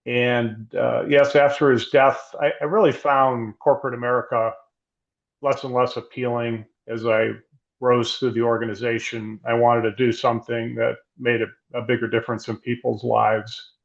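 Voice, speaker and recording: A middle-aged man, a guest physician, speaking in a measured, thoughtful way with frequent restarts. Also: mid-range voice, level tone, gravelly, highs cut off. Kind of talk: reflective interview conversation.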